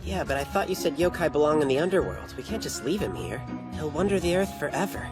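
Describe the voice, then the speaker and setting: An actor playing an earnest teenage schoolboy who sees spirits, flustered and quick to scold himself, in an anime dub. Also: male voice, fairly high pitch, lively intonation, over loud music, lightly acted. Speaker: high school student. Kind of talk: anime English dub acting. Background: background score.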